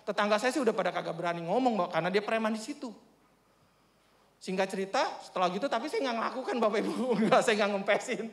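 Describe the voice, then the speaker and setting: A man preaching, telling a lively, humorous story to his congregation. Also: high-pitched, fast. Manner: animated, humorous, addresses congregation often. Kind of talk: storytelling sermon. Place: church hall. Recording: echoey church hall.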